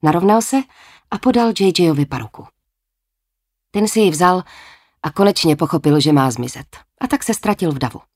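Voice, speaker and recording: A woman's voice: on the low side, lively intonation, long pauses, a little mellow, no room sound, clean studio sound. A woman narrating a novel as an audiobook, with a wry, lightly ironic tone.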